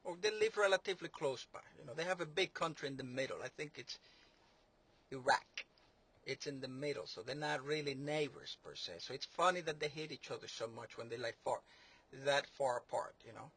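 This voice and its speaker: A man's voice: medium pitch, fairly quick, fairly bright tone, husky. A man delivering a sarcastic political monologue, rambling and mocking, with many fillers and restarts. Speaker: commentator.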